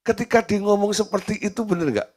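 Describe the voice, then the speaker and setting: A man's voice: sits high, fast. A man, a pastor telling a story in a sermon, chuckling often and leaning on casual fillers. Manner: animated, chuckling storyteller, "gitu loh" filler.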